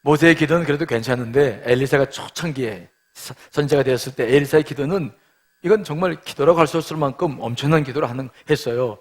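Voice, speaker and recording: A man's voice: a little high, fast talker. A middle-aged male pastor giving a sermon in a conversational style that swells into emphatic passages.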